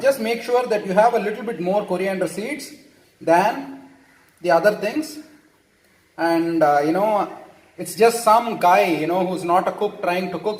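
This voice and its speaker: A man's voice: sits high, a little mellow, reverberant. A man from India with an Indian English accent, casually explaining how he cooks at home and often checking in with "okay?". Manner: chatty, tags lines with "okay?", self-correcting. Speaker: home cook. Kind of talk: casual cooking tutorial. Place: home kitchen.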